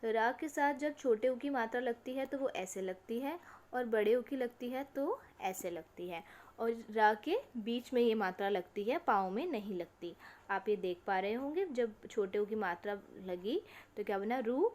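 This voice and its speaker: A woman teacher giving an online lesson to young children. She reads words slowly, one at a time, and asks questions that she answers herself. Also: a little high, animated, a little mellow. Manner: slow, drawn-out word-by-word reading for children. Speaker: school teacher.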